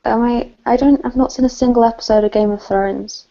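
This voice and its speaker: A woman with a slightly high, gravelly voice gives blunt, exasperated replies in casual chat. Her tone is mellow and dark, and the audio is lo-fi and a little distant. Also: fairly even intonation, fairly quick. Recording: dull lo-fi audio, a bit distant.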